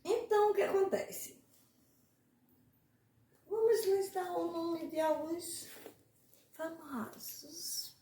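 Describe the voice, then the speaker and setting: A woman's voice: very high-pitched, slow pace, pauses often, mellow, recorded from a distance. A woman in a casual monologue, rambling and repeating words as she explains letter sounds in names, laughing at herself now and then. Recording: echoey room, faint background noise.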